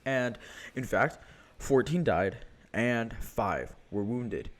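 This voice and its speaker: A man's voice: mid-range voice, lively intonation, slow pace. A young American man hosting a history podcast, telling events in a casual, conversational way with many fillers. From United States.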